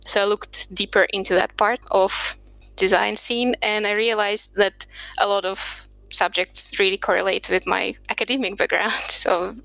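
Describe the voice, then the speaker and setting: In a casual interview, a Russian product designer reflects on her career as a podcast guest, chatty and given to light laughs, from a home desk surrounded by books. Her mid-range voice carries vocal fry and a bit of brightness, staying steady at a moderate pace. The audio is dry and poor.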